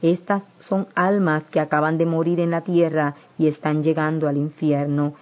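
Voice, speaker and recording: A woman voicing the words of a gentle, loving divine man in a spoken religious testimony. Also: deep voice, level tone, moderate pace, dull audio, natural voice. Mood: tender.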